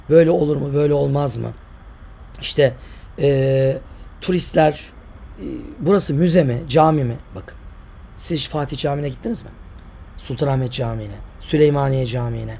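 Casting: older male guide, dark gravelly voice, opinionated vlog rant, faint noise behind. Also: medium pitch. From Turkey. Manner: emphatic, argumentative, rhetorical questions. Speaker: tour guide and author.

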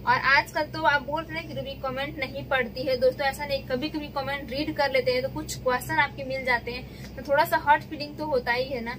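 A woman talks directly to her viewers in an earnest, pleading way. Her words come with a sense of hurt. The recording has clear background noise with vehicles passing. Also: high-pitched, fairly even intonation, brisk. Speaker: vlogger, mother. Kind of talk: casual vlog talk to viewers.

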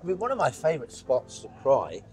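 A man's voice: mid-range voice, wildly swooping pitch, a little fast, darkish tone, faint music behind. A man, chatting reflectively and a little hesitantly outdoors as he shows someone around a town. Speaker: town crier giving an interview. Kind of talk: casual walking chat. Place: outdoors on a town high street.

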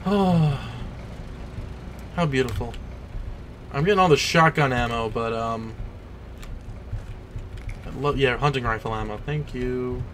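A man with a mid-pitched voice streams a horror game over clearly audible background noise. He talks at a slow pace in a casual, exasperated way, reacting to whatever the game does. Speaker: let's play streamer. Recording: clearly noisy, game ambience behind. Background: horror video game ambience and effects.

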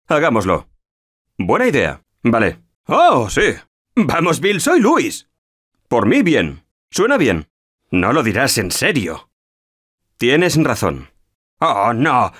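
A man with a Castilian Spanish accent voices an anxious everyman surviving a zombie apocalypse in a video game. His husky, medium-pitched voice has a fairly bright tone, and the performance is heavily acted, emotive and slangy, in a casual mood.

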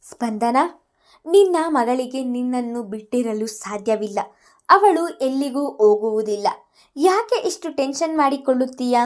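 A woman storyteller voicing an older mother-in-law who calmly reassures her daughter-in-law. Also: high voice, a little slow. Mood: soothing.

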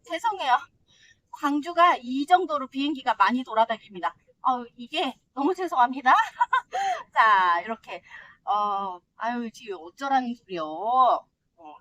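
Middle-aged woman vlogger, chatty and giggly, bright high lively voice. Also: unhurried. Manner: chatty, excitable, laughs often. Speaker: succulent vlogger. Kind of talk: casual unboxing chat.

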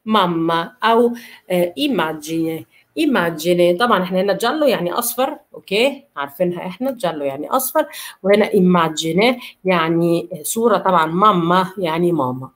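A woman's voice: fairly low pitch, expressive. Patient Egyptian woman teaching pronunciation. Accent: Egyptian Arabic. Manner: patient, slowly repeats each word and checks understanding often. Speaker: Italian language teacher. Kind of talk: online pronunciation lesson.

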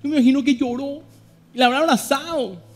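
A man's voice: very high-pitched, quick pace. A middle-aged man with a Paraguayan Spanish accent, preaching an emphatic sermon to his congregation and reading scripture aloud. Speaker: pastor. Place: church. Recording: long hall reverb with faint guitar music.

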